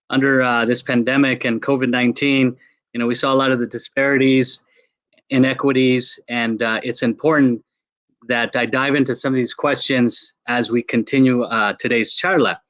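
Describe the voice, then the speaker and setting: A man's voice: medium pitch, little pitch movement, moderate pace, fairly bright tone, no room sound. Effusive male webinar moderator. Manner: effusive, uses fillers. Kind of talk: hosting a webinar.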